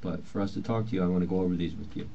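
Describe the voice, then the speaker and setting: A man's voice: sits low, steady tone, racing, mellow. A male police detective questioning someone in an interview room in a polite, procedural, reassuring way, heard on an old interrogation tape recording. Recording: muffled lo-fi interview-room recording with faint hiss.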